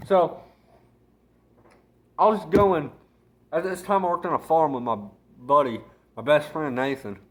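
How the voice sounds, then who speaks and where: A man's voice: fairly high pitch, fairly even intonation, unhurried, long pauses. A young man rambling casually in a crude, slangy vlog style, talking with chewing tobacco packed in his lip. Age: young adult. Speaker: video blogger.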